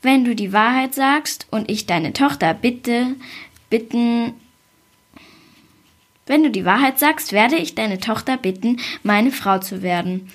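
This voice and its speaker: A woman's voice: on the high side, lively intonation, slow pace. A woman voicing a proud, demanding young king in a storybook reading, lifting her voice for emphasis. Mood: admiring.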